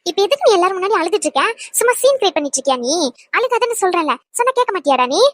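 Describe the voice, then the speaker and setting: A woman's voice: very high-pitched, sing-song, rapid-fire, no echo. A woman voicing a bossy, exasperated young woman who keeps scolding her boyfriend with nagging sighs and exclamations in a cartoon. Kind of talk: cartoon voice acting.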